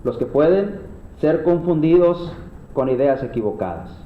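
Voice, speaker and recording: A man's voice: a little high, expressive, unhurried. A man with a Mexican Spanish accent, preaching earnestly to a church class and often calling his listeners brothers. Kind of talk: sermon-style Bible class. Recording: echoey room, dull lo-fi sound.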